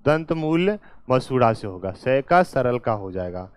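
A man teaching a class at a board, speaking slowly, repeating each point and answering his own questions. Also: mid-range voice, sing-song, clean tone, no echo. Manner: slow and repetitive, quizzing students with questions and answering them himself; calls the viewer "beta" and "my dear".

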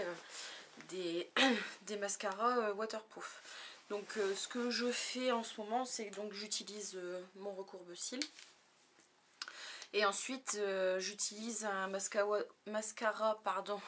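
Slow, hesitant woman beauty vlogger. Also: medium pitch, fairly bright tone. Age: 30s. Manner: hesitant, many fillers. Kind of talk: casual product review.

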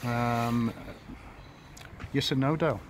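A man in his fifties, an English football manager, giving a halting post-match interview outdoors by the pitch, full of fillers and restarts. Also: fairly even intonation. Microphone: handheld camera at close range. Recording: outdoor noise behind.

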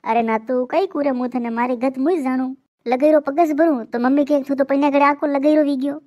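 A woman's voice: high voice, fairly even intonation, warm tone. A woman with a Rajasthani accent voicing comic cartoon banter between characters. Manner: quick bantering comic delivery. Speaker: cartoon comedy voice actor.

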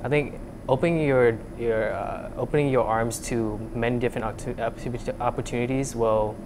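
A man's voice: medium pitch, steady tone, normal speed, background noise. A young man from Vietnam, an undergraduate researcher, explaining his lab work with frequent fillers and restarts, recorded on a lapel mic in a lab. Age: young adult. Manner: hesitant, many fillers and restarts. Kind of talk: casual explanatory interview. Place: university lab, indoors.

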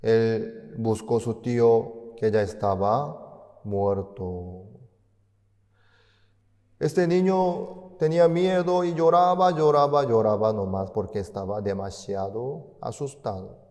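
A man telling a story as a sermon, in a slow, halting way with restarts and tag questions, with long hall reverb. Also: fairly low pitch, steady tone, a little mellow. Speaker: speaker at an online concert.

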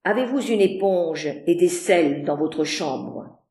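Woman reading a bossy gentleman, clipped orders, slow, echoey room. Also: lowish voice, animated. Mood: hushed urgent. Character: commanding brusque gentleman, middle-aged man. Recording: roomy echo.

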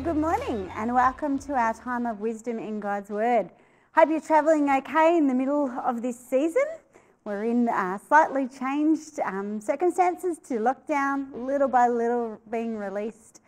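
A middle-aged woman, a church team leader, opening an online church message with pauses and fillers. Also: on the high side. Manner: warm welcoming talk with fillers and pauses. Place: church set, indoors.

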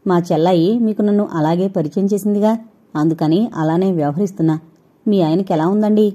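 A woman's voice: on the low side, brisk, dark tone, natural voice. A woman voicing a smug, glib man who teases over the phone and blusters with threats. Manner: glib, teasing, then blustering. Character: man, brash and smug, nicknamed brother.

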